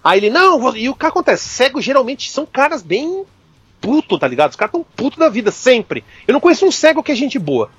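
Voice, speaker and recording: A man who is a guest on a casual podcast, telling rapid, profane, animated anecdotes. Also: extremely high pitch, breathy edge, no echo, highs cut off.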